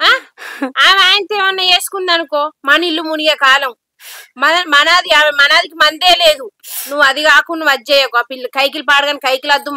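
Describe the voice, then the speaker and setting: Young woman, Telangana accent, very high bright voice, quick, acting as a coaxing niece giving firm advice. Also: no echo, studio quality. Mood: advising. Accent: Telangana Telugu. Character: young village woman consoling her aunt, brisk and firm. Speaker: actor in a village skit. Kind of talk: village drama acting.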